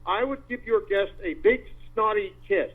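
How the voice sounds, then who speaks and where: A man calls in over a tinny phone line, his voice narrow and thin in the way a tin can sounds. He sits high in pitch for a man. He rambles along in a folksy, explaining way. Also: normal speed. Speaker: caller.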